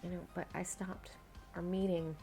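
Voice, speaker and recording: A woman's voice: on the low side, flat delivery, moderate pace, creaky, warm tone, soft background music. A woman co-hosting a podcast in casual chat, with dry, teasing interjections. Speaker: podcast co-host.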